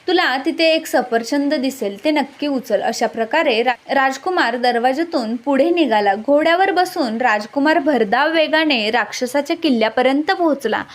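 High-voiced woman telling a folk tale. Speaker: storyteller. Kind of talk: storybook narration.

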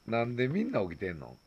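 Here the man's mid-range voice sounds creaky and husky, and the audio is dull. Speaking with a Kansai Japanese accent, he chats casually on a late-night live stream from his phone, saying hello to viewers and laughing frequently.

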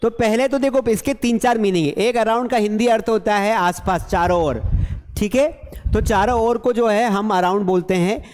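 A man's voice: high-pitched, moderate pace. A young man teaching an online English lesson in a classroom with a blackboard, mixing Hindi and English and joking with viewers over a headset mic. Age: young adult. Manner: animated, mixes Hindi and English, jokes with viewers. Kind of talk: live online lesson, chatty.

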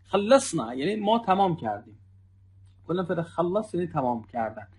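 A man's voice: a little high, very animated, darkish tone, slightly rough. A man teaching spoken Arabic in an online lesson, who repeats phrases and keeps addressing the viewers as friends. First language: Persian.

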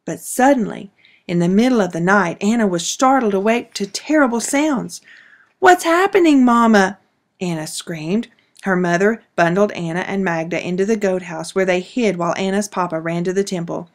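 A woman narrating a children's storybook in a measured, expressive way. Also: on the low side.

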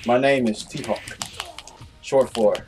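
A man's voice: mid-range voice, steady tone, slow, a little mellow, soft background music, pitched below the performer's own voice, natural voice. Dude putting on a grim boastful fighter guy, all solemn and mock-serious. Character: stern boastful male warrior fighter, grim.

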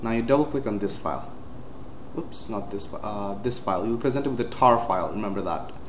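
A casual male tech tutorial host with a fairly low, brisk voice talks through computer steps in a screen-recorded software walkthrough. His step-by-step instructions are plain, peppered with uhs and self-corrections. The audio sounds roomy, with a faint hiss.

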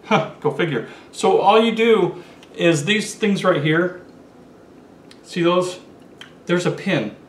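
Seated at a desk in a small curtained room, a man in his forties casually shows his collectibles to the camera one at a time for a show-and-tell vlog. His voice is high-pitched and slow, with long pauses. The recording carries a roomy echo and faint room hiss.

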